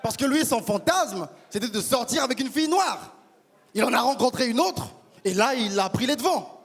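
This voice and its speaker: A man from Africa performing a stand-up comedy set at a live forum, with punchy, animated delivery and stammered restarts. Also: very high-pitched, moderate pace. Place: live stage at a peace forum. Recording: live hall with reverb and crowd.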